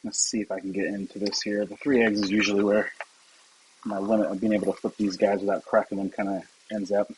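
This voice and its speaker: A man casually narrating as he cooks breakfast in his home kitchen, relaxed and talking to the camera with joking asides. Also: on the low side, fast talker, slight background noise, poor audio. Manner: relaxed, talks to camera while cooking, self-deprecating asides. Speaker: home cooking vlogger.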